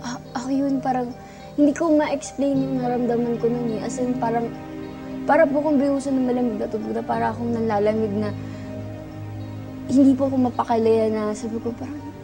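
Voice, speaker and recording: Young woman, slightly high voice, candid testimony with music behind. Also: fairly even intonation, a little fast. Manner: candid storytelling, acting out quotes. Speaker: testimony speaker. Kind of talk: recorded personal testimony.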